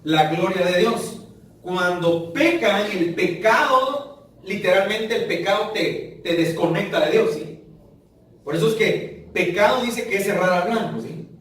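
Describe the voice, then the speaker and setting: A man's voice: sits high, measured pace, fairly bright tone. A man preaching a sermon to a congregation in a church, talking conversationally and often checking in with his listeners. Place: church sanctuary. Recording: echoey hall from far off, faint noise.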